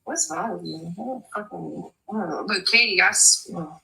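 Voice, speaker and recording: A woman's voice: on the low side, moderate pace, creaky, sharp tone, poor audio. Blunt, foul-mouthed woman in her thirties. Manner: blunt, swears a lot. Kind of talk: casual chat.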